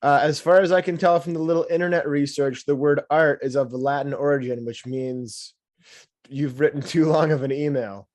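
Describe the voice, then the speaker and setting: A man's voice: a little high, fairly even intonation, normal speed, darkish tone, dry recording. Man reading an email with sarcastic asides. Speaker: podcast co-host. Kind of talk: casual chat, reading a listener email.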